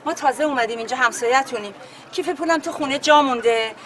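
A frightened middle-aged mother, pleading and begging. in a high, strained voice in a film drama. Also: fairly bright tone. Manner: pleading, distressed.

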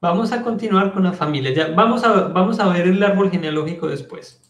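High-voiced man teaching French patiently. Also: brisk, roomy sound. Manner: explains patiently, repeats and spells words. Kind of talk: online language class.

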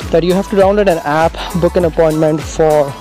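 Guy vlogging on a handheld cam, bit high voice, upbeat, says uh a lot, faint music behind. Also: steady tone, fairly quick. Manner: upbeat, hesitant with frequent fillers. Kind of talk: casual vlog talk to camera. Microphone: handheld camera mic.

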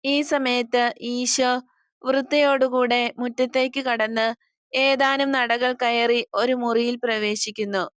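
A woman's voice: on the high side, flat delivery, slow, a bit bright, no echo. A woman reading a devotional story aloud as scripted narration, giving the characters' lines in her own voice.

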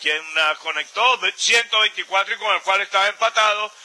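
Male baseball analyst. High, forceful voice, hesitant phrasing, live commentary. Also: fairly quick.

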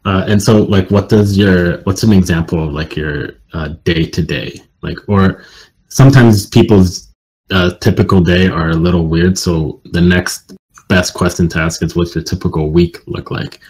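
A man's voice: deep voice, fairly even intonation, normal speed, a little mellow, breathy edge, low-quality recording. A man hosting an online Q&A on a video call, asking questions hesitantly. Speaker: host. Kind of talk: casual Q&A hosting.

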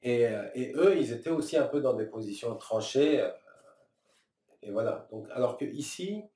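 A man in his thirties from Iran talks through his ideas in an interview, pausing and restarting often, stacking fillers as he searches for words. His voice is warm and mellow, heard a little off-mic in a roomy space. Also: medium pitch, expressive. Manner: thoughtful, halting, many restarts and fillers, gestures with both hands. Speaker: filmmaker being interviewed. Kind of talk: reflective interview answers. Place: small room, seated at a table. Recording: roomy, slightly distant sound.

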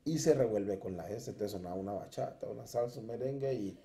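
A man's voice: lowish voice, fairly quick, gravelly, warm tone, roomy sound. A man sharing his personal conversion testimony in a church interview, telling it earnestly and acting out his past self.

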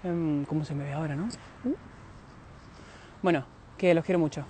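A man's voice: on the high side, steady tone, normal speed, warm tone, a little hiss or hum. Chatty man streaming live. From Tenerife, Canary Islands. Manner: chatty and confiding, laughs often, talks to viewers. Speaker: singer hosting a live stream. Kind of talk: casual live-stream chat. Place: outdoors near a road, moving about.

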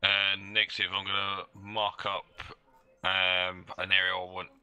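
Male military game commander, low and very sharp voice, hesitant radio reports. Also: completely flat delivery, measured pace, gravelly, clean tone, no echo. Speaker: player acting as platoon commander.

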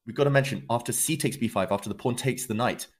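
A man giving live chess commentary as a commentator, in measured, dramatic short phrases. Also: mid-range voice.

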